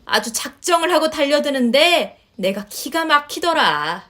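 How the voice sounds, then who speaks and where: A woman's voice: high voice, big pitch swings, measured pace, a bit bright, heavily acted. A woman voicing a nagging older mother-in-law who scolds, sighs and complains in a story reading. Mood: indignant. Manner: scolding, sighing, huffy complaints. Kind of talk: storytelling voice acting.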